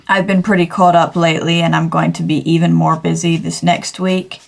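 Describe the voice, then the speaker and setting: An Australian teenage girl, a native English speaker, chats casually on her drawing livestream in a low, gravelly voice. She rambles, with lots of fillers and self-corrections.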